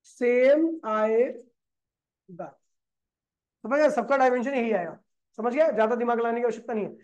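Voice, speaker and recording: A man's voice: very high voice, measured pace, darkish tone, dull audio. A man teaching physics in a classroom lecture. He asks the class questions and answers them himself, calling the students brother and kid.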